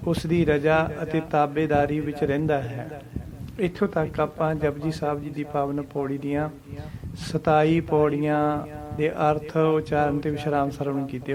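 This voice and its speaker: A man giving a scripture pronunciation lesson, chanting verses slowly and then explaining them plainly, with English words mixed in. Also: on the high side. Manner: mixes English words into his talk. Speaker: Sikh scripture teacher.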